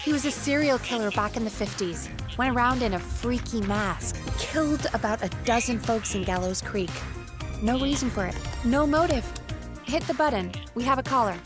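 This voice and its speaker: A woman playing a brisk radio producer in a horror video game. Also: fairly high pitch, expressive, over music, natural voice. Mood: grim, businesslike. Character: brisk woman radio producer explaining local killer lore. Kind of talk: game voice acting.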